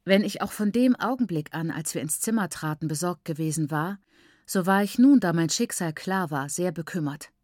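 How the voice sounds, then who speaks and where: A woman narrates a literary novel in the first person, her voice on the low side. Her reading is measured and reflective. The recording is close and completely dry. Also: animated, a little mellow, dry recording. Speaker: audiobook narrator.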